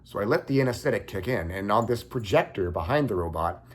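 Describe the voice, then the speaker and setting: A young man calmly recounting a dream in a measured first-person story. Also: fairly low pitch. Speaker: occult content creator.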